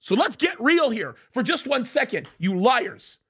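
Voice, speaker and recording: This American man in his forties, a pastor commentator, reads quotes into a studio boom mic and rebuts them with indignant emphasis, seated in a leather chair in a small dark studio. His pitch is very high and swings widely, his pace measured, his delivery pushed and bright with a breathy edge.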